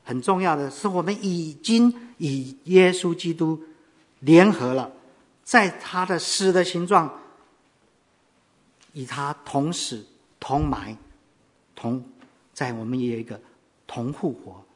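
A male pastor preaching a sermon with animated storytelling and rising emphasis. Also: fairly high pitch, slow, pauses often.

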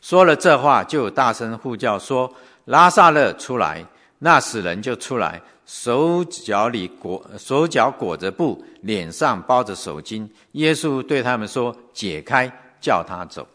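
Male service leader, expressive scripture reader, varied intonation, church setting. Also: mid-range voice, unhurried, few pauses. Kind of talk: scripture reading aloud.

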